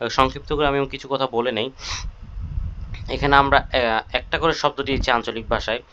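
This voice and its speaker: A man's voice: mid-range voice, pushed and bright, clear, resonant tone. A man instructor explaining an online class at length, reassuring students with many fillers. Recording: dry, dull lo-fi sound.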